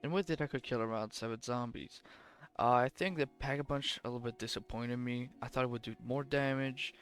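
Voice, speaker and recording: Brisk and fairly bright, this mid-pitched male voice belongs to a young gaming commentator tossing off weapon rankings. He wanders and backtracks, and long hours of recording have left him tired and a little hoarse.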